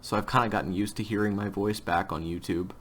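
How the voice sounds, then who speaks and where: A man's voice: on the low side, fairly even intonation, quick pace, a bit bright, slight background noise. A man hosting a casual interview chat, speaking in a frank, blunt and emphatic way. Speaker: writer, voice actor and host of the series.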